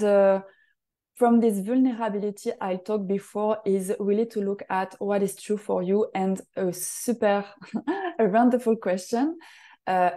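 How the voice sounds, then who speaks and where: French lady hosting a solo podcast, soft mellow voice, earnest, lots of uhs. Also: medium pitch. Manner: earnest, halting, repeats a rapid formula. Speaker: podcast host and facilitator.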